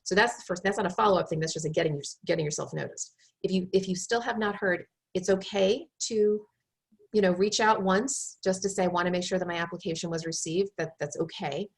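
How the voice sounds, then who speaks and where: A woman's voice: medium pitch, fairly quick. Woman, recruiter, earnest coaching tone, group video call advice. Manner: earnest coaching tone with rhetorical "right?" checks. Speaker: recruiter giving job-search advice.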